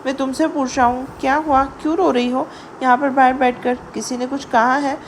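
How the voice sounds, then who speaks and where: A woman's voice: sits high, little pitch movement, a little hiss or hum, close to an everyday voice. A woman voicing a proud, brusque young husband who gives curt commands.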